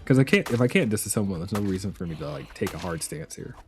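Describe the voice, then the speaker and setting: A man giving relaxed, chatty live commentary while streaming a survival game, laughing often. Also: on the low side, fast, vocal fry, slight background noise.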